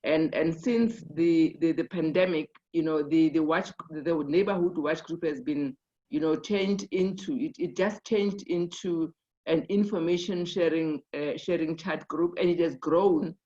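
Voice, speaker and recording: A woman's voice: deep voice, measured pace, warm tone. A woman sharing her experience in a group discussion, thoughtful, with many fillers and restarts. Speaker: conference participant. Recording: dull lo-fi online call audio.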